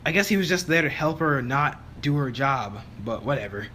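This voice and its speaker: A man's voice: medium pitch, expressive, moderate pace, bright, forceful tone, slight background noise. A young man narrating a casual story-time voice-over, chatty and exasperated, with lots of fillers. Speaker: YouTuber telling a story.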